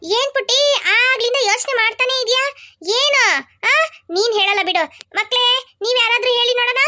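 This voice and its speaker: A woman voicing a gentle, coaxing male kidnapper in a cartoon. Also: extremely high pitch, fairly even intonation, brisk, soft background music. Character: male forest kidnapper, soft-hearted uncle. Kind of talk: cartoon dubbing.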